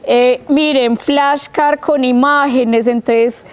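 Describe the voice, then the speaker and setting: A woman leads a literacy training session. Her voice sits a little high and she speaks at an unhurried pace. She sounds out words slowly to show how each sound is made. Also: steady tone. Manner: slow, explanatory, stretching out sounds. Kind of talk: training workshop lecture. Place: training room.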